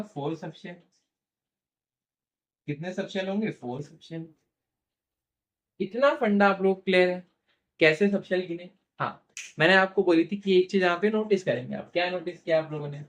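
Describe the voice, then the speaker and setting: A man teaching chemistry in a classroom-style lecture, asking questions and answering them himself, slowing down to spell out formulas, and gently teasing his students. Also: high voice. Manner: asks questions and answers them himself, repeats key terms; playfully teasing toward students.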